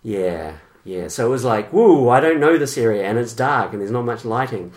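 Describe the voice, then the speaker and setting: A man's voice: mid-range voice, lively intonation, normal speed. A man with a New Zealand accent, co-hosting a podcast, talking in a rambling, self-interrupting way. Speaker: podcast co-host. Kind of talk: casual chat.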